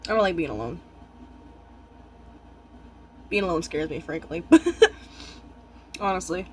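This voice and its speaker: A young man chatting casually while eating, talking with his mouth full in halting, musing short thoughts. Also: high voice, expressive, a little hiss or hum.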